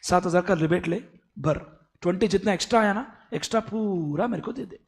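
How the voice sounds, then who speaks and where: A man's voice: high voice, brisk. A man voicing a stern, patronizing male government figure who scolds firmly. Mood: bargaining. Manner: firm, scolding, lecturing.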